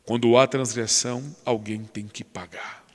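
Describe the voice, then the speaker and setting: A man voicing a stern male schoolteacher who speaks slowly and solemnly. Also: mid-range voice, fairly even intonation, in a large hall, lightly acted. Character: stern grown male schoolteacher, grave and unbending.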